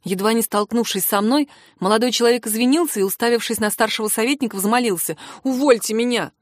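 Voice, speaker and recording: A woman narrates a fantasy audiobook in a lively storytelling manner. Her voice is fairly high, and the sound is close and dry. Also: quick pace, no room sound. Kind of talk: scripted narration.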